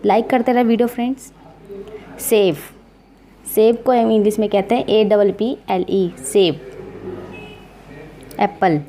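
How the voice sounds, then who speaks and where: A woman teaching vocabulary slowly and patiently, spelling each word out letter by letter. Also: mid-range voice, steady tone, mellow, a little hiss or hum. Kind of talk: slow, patient vocabulary lesson.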